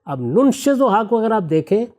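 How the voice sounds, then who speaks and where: A man, a religious scholar, explaining a subject step by step in a measured, teacherly way and reciting verses slowly as examples. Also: a little high, very animated, mellow. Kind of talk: explanatory discussion answering questions.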